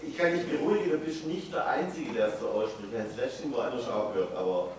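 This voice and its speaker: A man's voice: mid-range voice, quick pace, noisy background. Distant man speaking up from the audience. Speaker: audience member. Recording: distant, echoey hall.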